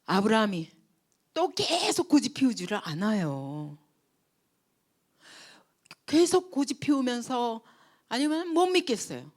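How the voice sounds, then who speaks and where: Woman pastor preaching, pretty high voice, goes up and down a lot, keeps asking the congregation questions. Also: measured pace, pauses often. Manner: expressive storytelling with frequent rhetorical questions to the congregation. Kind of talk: sermon at a church retreat.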